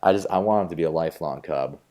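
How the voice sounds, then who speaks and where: A young man talking baseball with a co-host, eager and rambling, full of fillers and restarts. His voice sits very low and sounds dark and mellow. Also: very fast. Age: young adult. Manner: enthusiastic, rambling baseball talk with many fillers. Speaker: podcast co-host. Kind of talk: casual chat.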